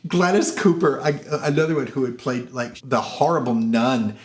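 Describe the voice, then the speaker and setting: Animated, gossipy man in a roomy space. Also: medium pitch, normal speed. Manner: animated and gossipy, puts on voices for quotes. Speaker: host and film reviewer. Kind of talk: casual film commentary. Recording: roomy echoey room.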